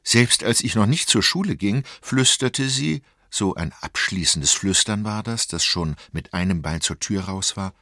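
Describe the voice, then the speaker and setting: A man narrating a literary story in a measured, expressive reading. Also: fairly low pitch, no room sound, studio quality.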